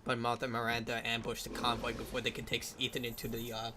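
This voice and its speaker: A man's voice: mid-range voice, monotone, quick pace, noisy background. A man giving casual gameplay commentary, with the game's sound audible behind him. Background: video game audio.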